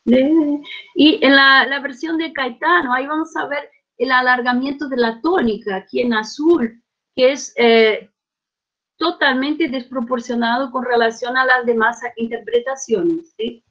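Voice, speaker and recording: A woman delivers an academic lecture in a fairly high voice. She hesitates often, restarting phrases and adding tag questions to check in with her audience. The recording is dull and lo-fi, like an online stream. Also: steady tone, measured pace, fairly bright tone. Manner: hesitant, frequent fillers and restarts.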